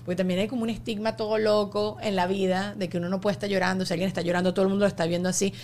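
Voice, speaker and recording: Fast-talking woman host. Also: medium pitch, slight background noise. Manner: chatty, animated, emphatic. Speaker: podcast host. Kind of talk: casual conversation.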